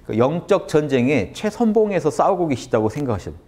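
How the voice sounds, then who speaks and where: A man's voice: fairly high pitch, fast. A man lecturing on Buddhist teachings to an audience, often stopping to ask them questions. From Korea. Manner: animated, asks the audience questions.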